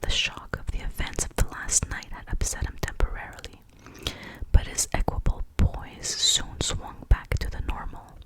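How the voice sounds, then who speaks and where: A person reading a detective novel aloud as ASMR, in a soft, breathy, semi-inaudible whisper close up. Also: moderate pace, low-quality recording. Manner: close-up whispering, murmured and hushed.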